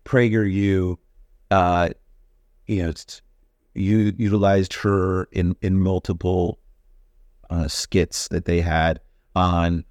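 A man co-hosting a podcast in casual conversation, talking haltingly with many restarts and stammers. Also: low-pitched, little pitch movement, a little mellow, no room sound, studio quality. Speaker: podcast co-host.

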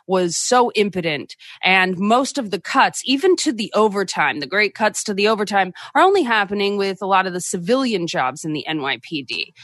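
A woman hosting a discussion who moves briskly from topic to topic and makes pointed remarks. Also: medium pitch, fairly bright tone, no room sound. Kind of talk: casual political discussion.

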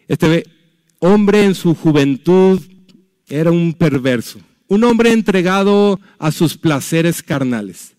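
A man preaching a sermon, telling stories dramatically and dropping to a hush for emphasis. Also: a little high, no echo. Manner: dramatic storytelling with sudden drops to a hush. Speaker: pastor.

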